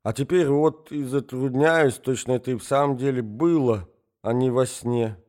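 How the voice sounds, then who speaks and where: A man reading an audiobook, voicing a muddled, forgetful old prince who rambles and brightens easily. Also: mid-range voice, moderate pace, voice pushed up, close to an everyday voice.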